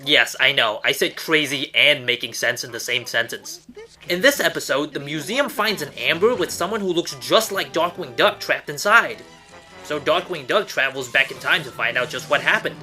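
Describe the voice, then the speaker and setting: This male host of an online cartoon countdown show reads a scripted countdown review with music playing underneath. His pitch is a little high and his tone sharp, and he delivers lines emphatically, dropping in wry asides.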